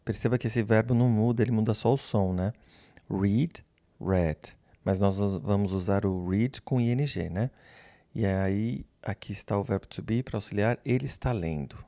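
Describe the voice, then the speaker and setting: A man teaching English grammar, speaking slowly and patiently, repeating example phrases and pausing so learners can answer. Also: lowish voice, mellow, no echo. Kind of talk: slow, patient classroom explanation.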